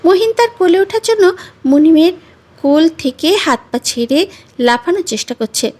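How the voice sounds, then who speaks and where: A woman storyteller giving expressive, measured narration of a romantic story. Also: very high-pitched.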